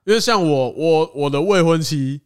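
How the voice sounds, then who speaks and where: A young man with a Taiwanese Mandarin accent, co-hosting a casual chat podcast, telling animated stories and laughing often. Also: a little high, moderate pace, clear, resonant tone. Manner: animated storyteller, acts out quoted voices, laughs often. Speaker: podcast co-host.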